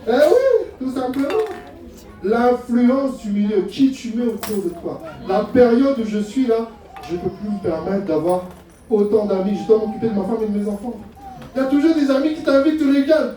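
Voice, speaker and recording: A man's voice: very high voice, lively intonation, moderate pace, dark tone. A middle-aged man from France preaching a sermon as pastor, humorous and full of rhetorical questions. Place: church hall. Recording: very echoey hall, voice from far off.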